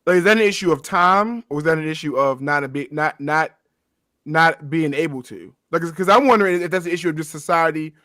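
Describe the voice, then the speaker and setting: A man's voice: fairly high pitch, a little fast, bright, forceful tone, dry recording, studio quality. A man in casual podcast discussion, inquisitive, stumbling a little as he works out his questions.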